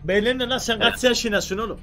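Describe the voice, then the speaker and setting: A man streaming a shooter game, chatting excitably and cursing, sometimes yelling into voice chat. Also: extremely high pitch, brisk, over music. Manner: excitable, swears a lot, yells greetings into voice chat. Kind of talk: casual gaming commentary.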